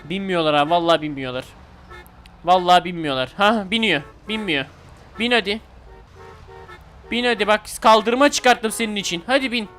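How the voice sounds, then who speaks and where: High-pitched male gaming YouTuber, excitable and pleading in playful commentary. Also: moderate pace, long pauses, faint music behind.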